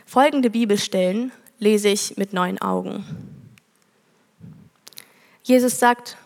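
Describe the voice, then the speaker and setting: A woman's voice: medium pitch, takes it slowly, creaky, in a large hall. A woman preaching a sermon, telling a parable earnestly and reading scripture aloud.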